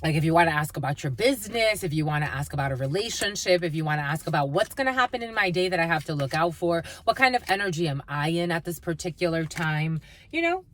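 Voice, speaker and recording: A tarot and energy reader from the northeastern United States talks in a deep, animated voice at a quick pace with few pauses. She gives a casual live reading, rambling with lots of fillers and speaking fondly to her viewers.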